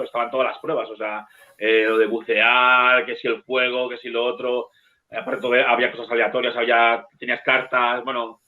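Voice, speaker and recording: Lively storyteller on a tinny line. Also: male voice, medium pitch. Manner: lively storyteller, swears casually. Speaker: bookseller and guest. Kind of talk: casual anecdote telling.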